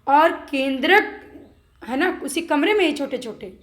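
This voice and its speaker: A woman's voice: sits high, big pitch swings. A woman teaching a school lesson, often asking the class questions and repeating her points. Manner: slow, repeats questions to students.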